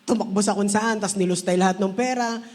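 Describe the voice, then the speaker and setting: A man preaching a sermon in a relaxed, conversational way, now and then acting out the voices of the people he quotes. His voice sits fairly high. The room gives it a long, ringing reverb. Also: a little fast. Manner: conversational, mixes English phrases, acts out quoted voices. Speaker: pastor.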